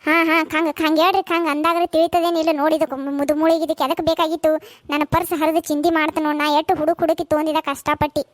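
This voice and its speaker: A woman voicing quarrelling village women in a cartoon, shrill and cursing, with a North Karnataka accent. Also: flat delivery, fast talker, no room sound, studio quality. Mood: quarrelsome. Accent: North Karnataka Kannada. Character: shrill quarrelsome village mother-in-law and daughter-in-law. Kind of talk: cartoon voice acting.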